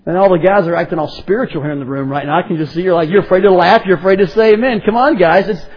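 A man's voice: sits high, racing, slightly rough, dull audio. A man preaching a sermon to a congregation, asking rhetorical questions and prompting his listeners to respond.

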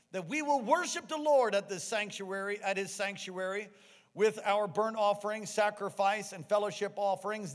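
A man's voice: high voice, fairly bright tone. An American man preaching a sermon to a congregation. He reads scripture, prays, and repeats key words back as questions to the crowd. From United States. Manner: emphatic preaching, repeats lines and quizzes the congregation. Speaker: pastor. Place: church sanctuary. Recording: reverberant church hall.

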